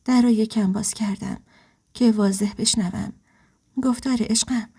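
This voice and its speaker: A woman narrating a dramatic first-person story in a hushed, half-whispered, emotional way. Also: medium pitch, fairly even intonation, husky.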